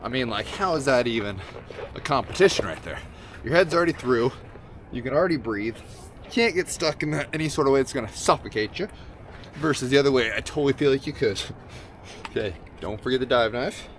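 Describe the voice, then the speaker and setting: A man of middle pitch talks casually to his viewers on an action camera in a waterproof case, chatty and upbeat, laughing at himself as he goes. He is outdoors on a coastal jetty, and steady background noise with passing vehicles runs under his voice. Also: fairly quick. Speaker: spearfishing vlogger. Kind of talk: casual vlog chat, talking to camera. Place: outdoors on a coastal jetty, getting ready to dive.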